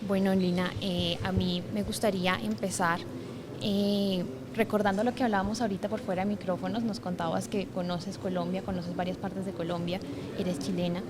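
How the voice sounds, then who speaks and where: A woman's voice: mid-range voice, level tone, normal speed, noisy background. Woman interviewer asking questions. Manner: warm, hesitant phrasing with "eh" and "digamos".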